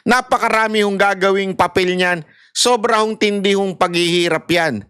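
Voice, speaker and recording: A man's voice: sits high, fairly even intonation, normal speed, pushed and bright, smooth, no room sound, studio quality. A man from the Philippines giving heated commentary to his viewers, laughing often and swearing between apologies. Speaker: online commentator.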